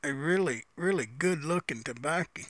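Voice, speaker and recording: A man's voice: fairly high pitch, expressive, normal speed, fairly bright tone, dry recording. A man giving a casual, unscripted, folksy review, musing and repeating phrases as he smokes a pipe between them. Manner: talks while smoking a pipe between phrases.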